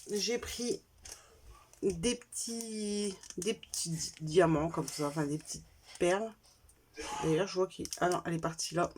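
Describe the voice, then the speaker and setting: A French-accented woman talks through a craft haul, naming each item in turn and catching her own slips. Her voice sits at a middle pitch for a woman. Faint background noise and small clicks run under the recording. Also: a little mellow. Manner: chatty, self-correcting, lists items one by one. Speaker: craft vlogger showing purchases. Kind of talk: casual show-and-tell haul.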